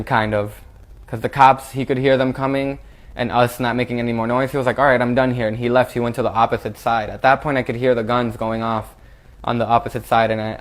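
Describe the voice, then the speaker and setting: A young man recounting a traumatic event he survived, speaking haltingly with frequent restarts. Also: mid-range voice. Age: young adult. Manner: halting and flat, with repeated restarts. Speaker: shooting survivor. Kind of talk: recounting a personal ordeal.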